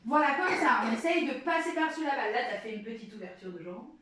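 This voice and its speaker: Mom showing games at home, cheering her kid on, high voice, a bit far from the mic. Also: animated, fast talker, fairly bright tone. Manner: encouraging, coaching a child along. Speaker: mother demonstrating children's games. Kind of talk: casual how-to demonstration for viewers. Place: home indoors, small space. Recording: very echoey room, distant mic, faint noise.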